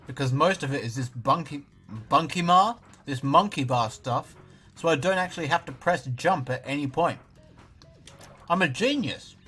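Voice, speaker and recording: A man's voice: medium pitch, pushed and bright, breathy edge. A young Australian man giving casual let's-play commentary, with dry, self-mocking jokes. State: talking with a mouth full of banana at times. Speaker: gaming YouTuber.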